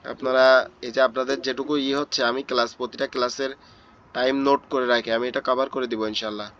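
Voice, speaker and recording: A hoarse man, teaching an online tajweed class and slowly repeating letter sounds for his students. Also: mid-range voice, little pitch movement, a bit bright. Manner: slow, repetitive drilling of letter sounds. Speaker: Quran teacher. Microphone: online class audio. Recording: dull lo-fi online class audio.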